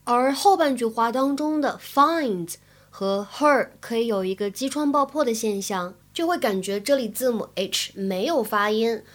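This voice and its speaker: A woman teaching English in Chinese, explaining phrases with a clear, careful delivery. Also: fairly high pitch, lively intonation, unhurried. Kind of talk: language lesson.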